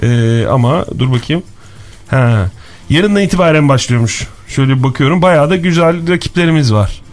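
A man's voice: a little high, expressive, fairly quick. A man co-hosting a morning radio show, joking and teasing his colleagues in casual studio banter.

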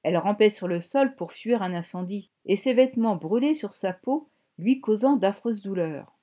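Brief: female audiobook narrator, mellow timbre, measured and expressive. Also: mid-range voice. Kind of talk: scripted narration.

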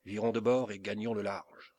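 Bossy hot-headed pirate captain yelling orders at his crew, low gruff voice, man doing it in an audiobook. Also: steady tone, normal speed, dry recording, close to an everyday voice. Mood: commanding. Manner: loud, gruff, commanding.

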